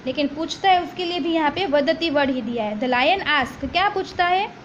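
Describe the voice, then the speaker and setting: A woman's voice: sits high, moderate pace. A woman teacher explaining a textbook story line by line, mixing languages and often checking with "ठीक है?". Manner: switches between languages, repeats and checks "ठीक है?". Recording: dull lo-fi recording with faint noise.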